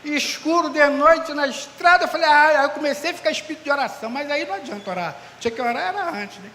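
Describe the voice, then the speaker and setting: A male pastor, telling a story in a sermon as an animated storyteller. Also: very high-pitched, fast talker. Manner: lively, animated storyteller who acts out dialogue. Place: large church hall during an assembly. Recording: echoey hall with faint background noise.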